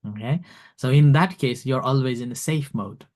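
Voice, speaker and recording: Male monk teaching informally, halting delivery. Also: mid-range voice, darkish tone. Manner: halting, repetitive, acts out short quoted exchanges. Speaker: Buddhist monk teaching meditation.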